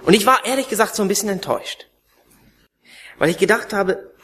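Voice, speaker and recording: A man preaching a sermon and telling his own story, emotional, swinging between raised pleading and hushed, almost whispered passages. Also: high voice, expressive, brisk. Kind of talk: sermon testimony.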